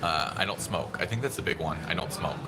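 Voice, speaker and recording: A man in his thirties, hosting a casual phone livestream, rambling in a relaxed way and answering viewer chat. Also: deep voice, fairly quick. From San Diego, USA. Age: 30s. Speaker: livestream host. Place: busy restaurant indoors. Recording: phone audio with busy restaurant chatter. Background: restaurant crowd chatter.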